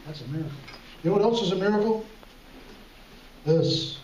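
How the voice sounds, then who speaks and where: A man's voice: high voice, animated, normal speed, darkish tone, slight background noise. A man doing comedy magic patter like a kids party magician and emcee, playfully coaxing the audience to respond. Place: echoey hall, talent show stage. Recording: echoey hall from far off, muffled, music and crowd.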